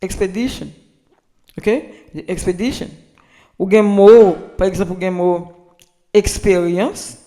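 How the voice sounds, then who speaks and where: A man's voice: sits high, fairly even intonation, mellow. A man with a Haitian Creole accent who gives an informal spoken lesson on pronunciation, repeating himself and restarting often. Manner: repetitive, halting, many restarts. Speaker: language tips presenter.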